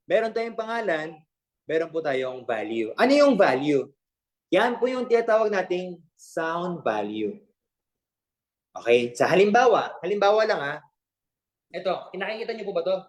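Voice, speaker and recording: High-voiced man teaching an online class. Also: big pitch swings, moderate pace, long pauses. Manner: playful, repeats questions to students, jokes mid-lesson. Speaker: Korean language teacher.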